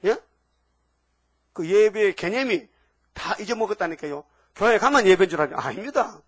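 An older male pastor preaches in a high, bright voice, reading verses aloud and then hammering at them with question after question to his congregation. The sound is close and dry, with no room around it. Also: lively intonation, a little fast, no room sound. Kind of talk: sermon.

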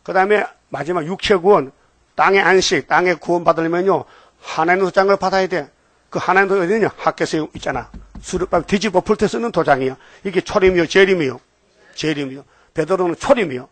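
A man's voice: high voice, fast, no room sound. An older man preaching a sermon in a folksy, teasing manner, often prodding his congregation for responses. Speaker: pastor.

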